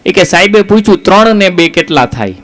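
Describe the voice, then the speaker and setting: Male stand-up comic, high voice, storytelling jokes on a live stage. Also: expressive, fairly quick, fairly bright tone. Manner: storytelling jokes with quoted dialogue. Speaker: stand-up comedian.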